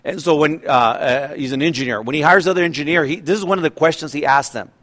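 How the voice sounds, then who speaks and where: A man's voice: a little high, quick pace, a bit bright. Conversational man in his fifties preaching. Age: 50s. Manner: conversational preaching with repeated restarts and rhetorical questions. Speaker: pastor. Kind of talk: sermon.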